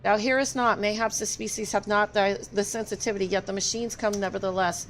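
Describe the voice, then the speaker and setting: A woman's voice: mid-range voice, steady tone, brisk, a little hiss or hum, lightly acted. A woman reading aloud a game's overwrought, fearful dragon with archaic, portentous phrasing. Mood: dread. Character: fearful, overwrought dragon dreading approaching machines. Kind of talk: reading game dialogue aloud.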